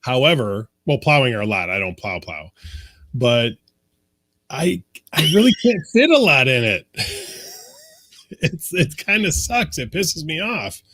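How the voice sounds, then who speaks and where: A man's voice: mid-range voice, very animated, measured pace, pauses often, a bit bright, dry recording. A man co-hosting a casual podcast from his basement studio, joking crudely and laughing often. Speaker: co-host.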